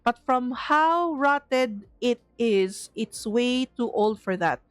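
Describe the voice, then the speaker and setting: An excitable, easily startled woman with a Filipino accent, playing a horror game for viewers and reading its text aloud. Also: on the high side, slow pace, clean tone, no echo. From Philippines. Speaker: gaming streamer. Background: game music.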